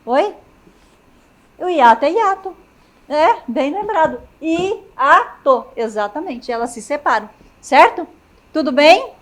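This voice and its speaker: Brazilian woman teacher, high voice, slow and patient, keeps checking in with the class. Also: a bit bright. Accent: Brazilian Portuguese. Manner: checks in with students often, writes on a chalkboard. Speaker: grammar teacher. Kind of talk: classroom lecture.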